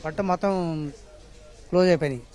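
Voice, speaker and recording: A man whose house flooded, answering a reporter in a hurried, halting way from away from the microphone. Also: high voice, crowd noise. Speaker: flood-hit resident. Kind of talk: street interview. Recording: speaking away from the mic.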